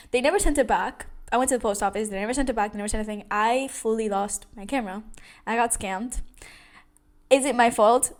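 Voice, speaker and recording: A young adult woman telling a personal story in a casual vlog, chatty, with many fillers and restarts. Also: a little high. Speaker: vlogger.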